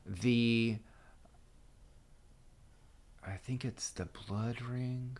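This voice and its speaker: A man's voice: mid-range voice, steady tone, extremely slow, darkish tone. A man casually talking through a mobile strategy game guide as a screen-recorded voice-over, loose and full of fillers and restarts.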